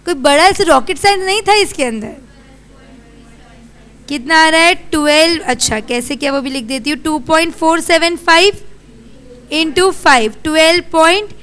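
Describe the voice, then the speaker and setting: A young Indian woman teaching a class, brisk and scolding as she quizzes her students. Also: very high-pitched, pushed and bright. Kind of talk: classroom lecture.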